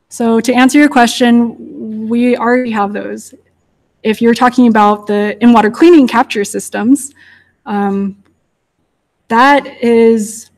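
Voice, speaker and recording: A woman's voice: a little high, a little mellow. A young woman from California giving a public outreach talk and answering audience questions in a friendly, apologetic way, with frequent ums. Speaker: invasive species outreach speaker.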